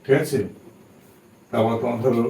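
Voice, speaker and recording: The lesson is on English pronunciation, taught by a Bengali-speaking man who patiently spells letters out and often confirms his students are with him. His voice is medium-pitched and dark, level in tone, at normal speed. The audio is echoey and distant, with faint background hiss.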